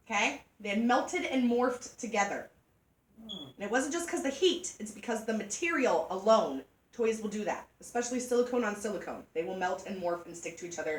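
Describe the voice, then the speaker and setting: A woman giving a joking, animated sales demonstration to a group of women. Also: a little high. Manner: chatty, joking, animated storytelling. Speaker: party product consultant. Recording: echoey room from far off.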